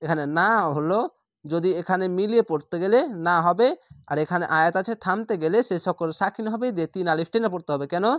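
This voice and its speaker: A woman teaching recitation, slowly spelling out each letter and vowel mark before blending the whole word. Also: lowish voice, no echo, clean studio sound. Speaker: Quran reading teacher. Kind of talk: slow spelled-out recitation lesson.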